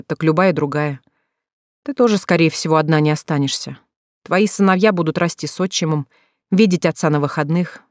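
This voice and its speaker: A narrator voicing a calm, stern older brother who lectures in a level tone in an audiobook. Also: mid-range voice, no room sound, clean studio sound, natural voice.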